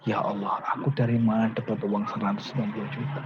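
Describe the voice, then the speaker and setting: A man's voice: mid-range voice, animated, slow, highs cut off, background noise. A man voicing a poor male preacher who pleads, anxious and distressed, in a sermon story. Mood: pleading.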